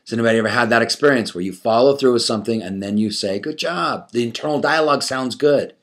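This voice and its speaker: Speaking quickly in a mid-range voice, a man gives a conversational motivational coaching talk to an audience. He repeats phrases emphatically, poses rhetorical questions and acts out his inner self-talk.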